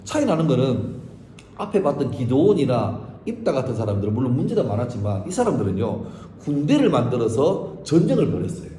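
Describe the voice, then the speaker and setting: A man's voice: mid-range voice, big pitch swings, fairly quick, warm tone, slight background noise. A male pastor giving a Bible study sermon, telling the story vividly and acting out its scenes. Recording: echoey hall with faint ambience.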